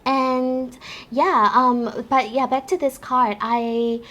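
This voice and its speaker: A woman's voice: high-pitched, fairly even intonation, takes it slowly, a bit bright. A bubbly young woman giving a chatty pick-a-card tarot reading, laughing often. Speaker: tarot reader.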